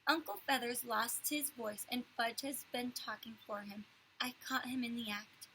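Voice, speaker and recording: A woman's voice: fairly high pitch, fairly even intonation, normal speed, bright, forceful tone, slight background noise, low-quality recording. A woman voicing an exasperated preteen older brother who speaks in a sarcastic, matter-of-fact way.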